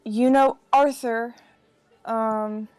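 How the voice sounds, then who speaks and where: A woman's voice: fairly high pitch, fairly even intonation, extremely slow, darkish tone, clear, resonant tone, no room sound. A woman playing a tabletop game, describing her character's actions in a rambling, hesitant way. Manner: rambling and hesitant, many fillers. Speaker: player.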